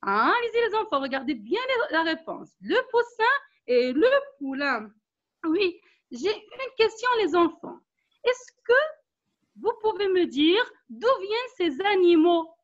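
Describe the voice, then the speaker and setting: Woman primary teacher, high-pitched, slow and encouraging, repeats herself, muffled online-call sound. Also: sing-song. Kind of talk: online class for young children. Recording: dull lo-fi online call audio.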